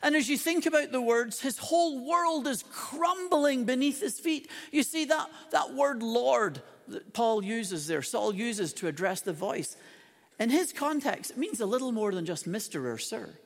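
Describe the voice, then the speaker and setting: High-voiced preacher in a reverberant hall. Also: male voice, expressive, a little slow, creaky. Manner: dramatic, emphatic preaching with big swings in loudness. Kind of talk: sermon.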